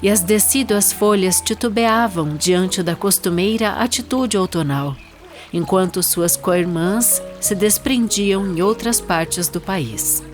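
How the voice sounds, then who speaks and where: With a Brazilian accent and a mid-range voice, a woman reads her own short story as dramatized literary narration, phrasing it deliberately and expressively. Faint music plays behind her.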